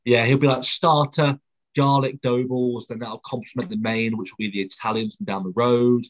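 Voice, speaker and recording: A man's voice: fairly low pitch, steady tone, quick pace, low-quality recording. A man co-hosting a podcast, trading jokey, mocking banter with his friends. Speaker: podcast co-host. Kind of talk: casual chat.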